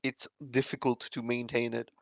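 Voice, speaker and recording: A man's voice: mid-range voice, level tone, moderate pace, gravelly, a bit bright, no room sound. A man co-hosting a casual playthrough, explaining game lore at length with many uhs and dry humor.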